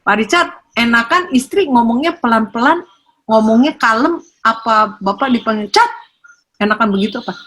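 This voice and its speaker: Older lady doing a parenting talk, kinda husky voice, animated, keeps asking the crowd stuff. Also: a little high, normal speed. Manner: animated, teasing, asks audience questions. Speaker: parenting speaker.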